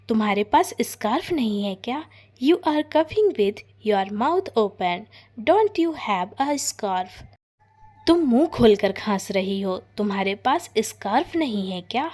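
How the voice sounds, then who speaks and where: Woman teacher, higher voice, drills phrases very slowly and repeats each one. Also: a little mellow. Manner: deliberate, repeats each sentence twice. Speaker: English teacher. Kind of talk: slow bilingual phrase drill.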